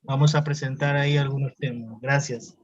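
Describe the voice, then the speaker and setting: A man's voice: mid-range voice, steady tone, moderate pace, slight background noise. A talkative man from Ecuador, a neurosurgery resident, chatting politely on a video call. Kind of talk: casual video call chat. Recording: dull lo-fi call audio.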